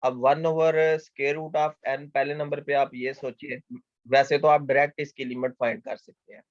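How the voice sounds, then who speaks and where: A man's voice: mid-range voice, little pitch movement, a little slow, no echo. A man giving a mathematics lecture in a patient, explanatory way, often repeating key points and asking questions he then answers himself. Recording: dull dry lo-fi lecture recording.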